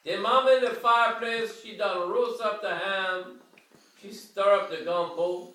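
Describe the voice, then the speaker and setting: With a high, sharp voice and a slightly slow pace, an older man gives a theatrical bedtime read-aloud of a children's verse story in Cajun dialect. He's in a living room armchair, and the roomy home audio comes from a handheld camera several metres away.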